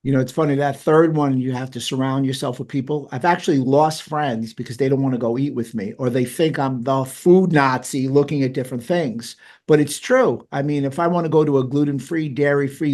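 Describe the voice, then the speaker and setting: A podcast host with a New York accent and a mid-range, slightly mellow voice runs a casual interview. He's chatty and jokey, tossing in enthusiastic asides.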